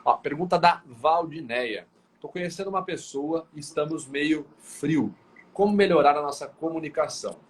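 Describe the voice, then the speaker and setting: A Brazilian man hosting a live stream, calmly explaining communication tips and reading viewer questions. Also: fairly high pitch, normal speed, slight background noise. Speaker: host and communication coach. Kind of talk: live-stream advice talk.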